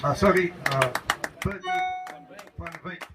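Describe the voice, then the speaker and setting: A man, an interim leader, giving a slow, emphatic ceremonial welcome speech to a gathering and repeating his key phrases. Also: high voice, music in the background, low-quality recording. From South Africa.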